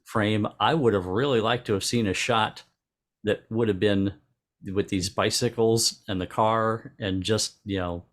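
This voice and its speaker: A man presenting club entries and giving halting photo critiques with many restarts. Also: lowish voice, fairly even intonation.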